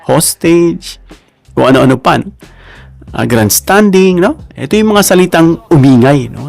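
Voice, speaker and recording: A man's voice: medium pitch, creaky, darkish tone. A man with a Filipino accent giving casual political commentary, chatty, with constant tag questions and asides to his viewers.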